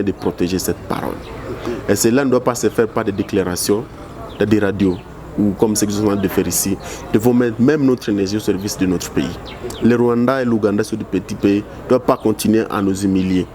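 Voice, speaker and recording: A man's voice: lowish voice, background noise. A man with a Congolese French accent, a political analyst answering interview questions with passion and many restarts. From Democratic Republic of the Congo. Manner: impassioned, repetitive restarts.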